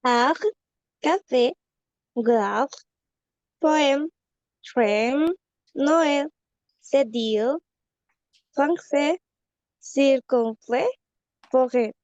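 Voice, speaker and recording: Woman student, high voice, very slow reading, dull lo-fi call audio. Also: a little mellow, no echo. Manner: reads word list slowly. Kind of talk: reading aloud in class. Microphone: video call.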